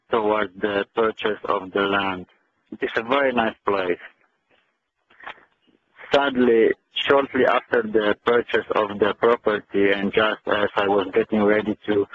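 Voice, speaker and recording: A man from Poland with a Polish accent, reading a prepared personal statement in English in an earnest, measured and slightly halting way. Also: fairly low pitch. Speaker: speaker telling his family's story. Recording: tinny lo-fi line with faint noise.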